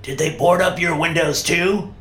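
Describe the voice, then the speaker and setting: A man's voice: fairly high pitch, fairly even intonation, moderate pace, sharp tone, reverberant, pitched above the performer's own voice. A man voicing a grumpy old male neighbor, complaining in a cranky tone. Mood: indignant.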